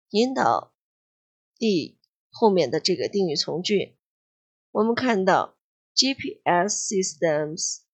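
Slow, husky woman teaching English. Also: mid-range voice. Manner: slow, patient explaining with repeated key words. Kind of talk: exam-prep grammar and vocabulary lesson.

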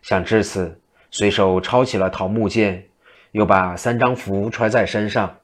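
A man narrating a classic folk tale in a steady, vivid storytelling manner. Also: lowish voice, a little slow.

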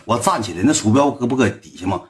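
A young man with a Northeast Chinese accent, telling a story to his viewers in a slangy, swearing, animated way with lots of repeated asides. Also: medium pitch, fast, a little hiss or hum. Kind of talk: storytelling to a livestream audience.

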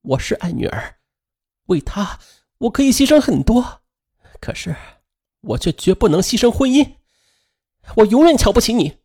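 A man's voice: sits high, sing-song, moderate pace, pauses often, darkish tone, breathy edge, voice pushed up, exaggerated voice. A man voicing a bitter, proud divorced mother. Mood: contemptuous. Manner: contemptuous, later remorseful and weeping.

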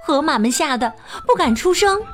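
A woman reading a children's picture book aloud in a slow, expressive, sing-song way. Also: high-pitched, soft background music. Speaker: storyteller.

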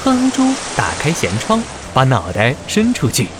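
Man reading a kids adventure story, super expressive pitch swings, soft music behind. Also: normal speed. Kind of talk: scripted children's story narration.

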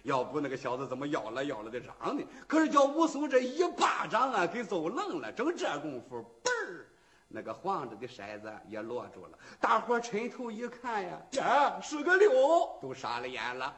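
A male storyteller narrates in a traditional Shandong fast-clapper style, with a rhythmic, punchy delivery. His voice is high and bright, and it swings widely in pitch as he tells the story dramatically. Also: wildly swooping pitch.

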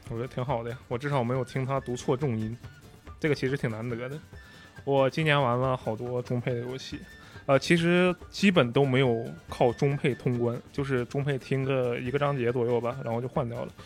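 Casting: quick, mid-pitched male co-host, precise and analytical, faint music bed. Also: steady tone. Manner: detailed, analytical, acts out line readings. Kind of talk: casual gaming chat.

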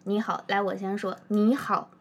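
A woman hosts a podcast, introducing the show in a casual chat and playfully nudging her partner along. Her mid-range voice moves little in pitch, her pace is moderate, and there's slight background noise.

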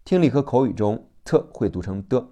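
A man with a Chinese accent teaching English vocabulary through phonics, spelling each word letter by letter and repeating it slowly. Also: mid-range voice, expressive, dark tone.

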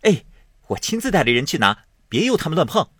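A man's voice: mid-range voice, very animated, unhurried, breathy edge, dry recording, clean studio sound, voice pushed up. A man voicing a coaxing, pleading young nobleman of about seventeen in a storybook reading. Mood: wheedling.

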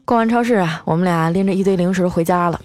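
A woman with a lowish, darkish voice hosts a comic storytelling show in a radio-style comedy format, talking fast. She's chatty and playful, drawing out the ends of her sentences, with faint music in the background.

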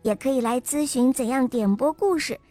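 High-voiced woman reading a children's story. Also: normal speed, dry recording. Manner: warm, sing-song address to children. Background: faint music.

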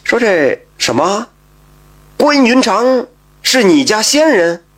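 A man voicing a stern, shrewd county magistrate who speaks in a measured, lowered voice in a told folk story. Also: sing-song.

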